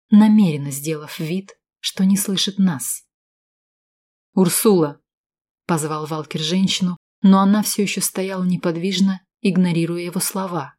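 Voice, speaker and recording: Low-voiced woman narrating a tense story. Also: darkish tone.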